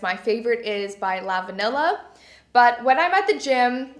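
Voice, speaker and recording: A young woman in her twenties from Canada, a beauty vlogger, chatting enthusiastically as she shows off her gym gear from a small bright room. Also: medium pitch, echoey room. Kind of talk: casual product show-and-tell. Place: small bright bedroom studio.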